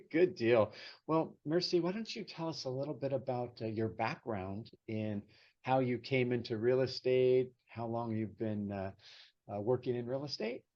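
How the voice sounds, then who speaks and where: Unhurried and cheerful, a male podcast host chats casually with his guest, his mid-range speech peppered with fillers and hesitations. The sound is lo-fi.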